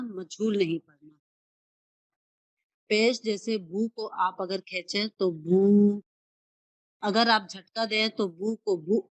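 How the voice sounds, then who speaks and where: A woman from Pakistan with a Pakistani Urdu accent, teaching a Quran recitation lesson, patiently repeating rules and sounding out syllables slowly. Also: mid-range voice, dry recording, low-quality recording. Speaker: tajweed teacher.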